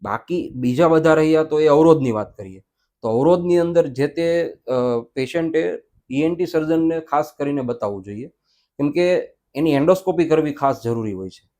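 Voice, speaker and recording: Measured male doctor. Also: a little high, warm tone. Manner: explanatory, measured, with English medical terms. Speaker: ENT doctor. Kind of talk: medical interview answers.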